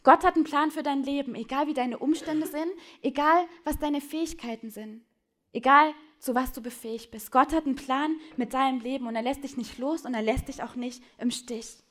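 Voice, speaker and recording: A woman preaching a sermon, speaking straight to her listeners and swinging between loud urgent appeals and hushed, intimate lines. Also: high voice, moderate pace. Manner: addresses listeners directly with questions.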